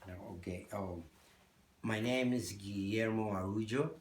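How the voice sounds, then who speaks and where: A man from Peru with a Spanish accent, a guitarist answering interview questions in halting English. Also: lowish voice, echoey room, slight background noise. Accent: Peruvian Spanish. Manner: halting, searching for English words. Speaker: guest guitarist. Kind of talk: interview conversation.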